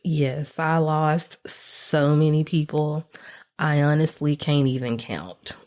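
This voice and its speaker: A woman in her thirties with a low, deep voice, speaking as a podcast guest. She tells her story reflectively and quotes what she once thought to herself. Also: slow pace, a little mellow. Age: 30s. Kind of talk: conversational interview.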